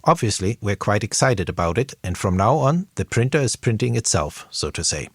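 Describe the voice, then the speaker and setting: A man speaking in a recorded voice message played back, giving a prepared business statement in a steady, read-out way. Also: on the low side, moderate pace, breathy edge, no echo, studio quality. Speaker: industry team lead.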